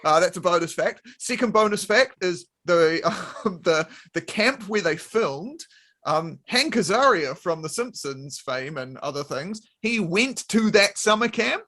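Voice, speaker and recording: A man with a notably high voice, chatting on a comedy panel. He rambles eagerly with plenty of ums and asides, loose and playful. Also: lively intonation, a little slow, fairly bright tone. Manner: rambling, enthusiastic, lots of fillers. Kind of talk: casual comedic banter.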